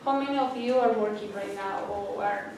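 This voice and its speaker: A student speaker with a non-native English accent addresses her fellow students directly in a library event room, delivering an earnest, encouraging inspirational speech. Her medium-pitched voice moves at a moderate pace. It was recorded from far off in a very echoey room, with background noise.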